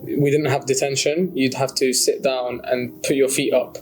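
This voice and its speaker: A man's voice: mid-range voice, normal speed, faint music behind, poor audio. A young man from Jordan, a student talking casually and easily in a debate, with lots of fillers and laughs. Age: young adult. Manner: relaxed, chatty, often laughing, many fillers. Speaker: student discussion participant.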